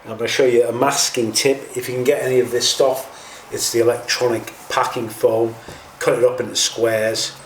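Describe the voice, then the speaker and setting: A man's voice: medium pitch, flat delivery, normal speed, few pauses. A man giving a casual hands-on tutorial as host, informal and a little hesitant as he thinks aloud. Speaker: host of a scale model painting tutorial. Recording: roomy, distant mic, faint noise.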